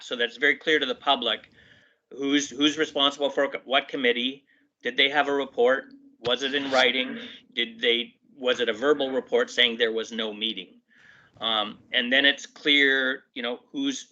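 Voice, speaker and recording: A man's voice: mid-range voice, pushed and bright, lo-fi sound. A man speaking as a councillor in a council meeting, hesitant, with many fillers and restarts.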